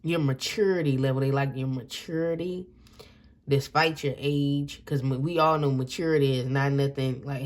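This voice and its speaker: Woman tarot reader, casual and rambling, fry in the voice. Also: very deep voice, darkish tone. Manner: rambling, repeats and corrects herself. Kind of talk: casual tarot reading to viewers.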